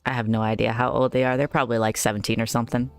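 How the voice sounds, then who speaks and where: A young adult streamer with a mid-to-low, androgynous voice around 130 hertz. The delivery is chatty and giggly, moving between reading game text and casual reactions, with faint music behind. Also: little pitch movement, very fast, smooth. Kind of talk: casual game livestream commentary and reading aloud.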